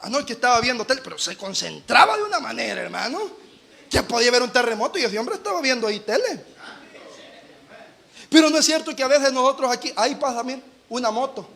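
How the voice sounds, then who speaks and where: A male pastor preaching a sermon to his church, acting out everyday scenes and building to shouted peaks. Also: extremely high pitch, very animated, a little fast, gravelly.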